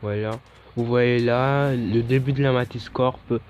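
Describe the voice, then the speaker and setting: A man's voice: medium pitch, fairly even intonation, measured pace, a little mellow, faint music behind. Casual young man narrating gameplay. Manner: loose, chatty, self-correcting. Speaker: gaming YouTuber. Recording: dull lo-fi mic, faint hiss.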